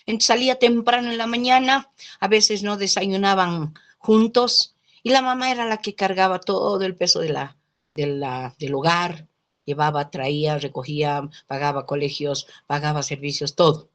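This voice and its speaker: Woman, sociology lecturer, storytelling lecture, slightly low voice, frequent checking tags. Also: normal speed. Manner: lively storytelling, often adds checking tags like "¿no?" and "¿sí?". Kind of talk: lecture told through anecdotes.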